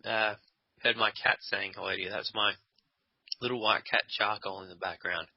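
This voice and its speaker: Gravelly, husky man chatting while gaming. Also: fairly low pitch, steady tone, moderate pace, no room sound. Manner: joking, teasing, swears freely. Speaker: co-host playing a game. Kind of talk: casual gaming chat. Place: at home at his computer. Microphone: desk microphone. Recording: dull lo-fi dry sound.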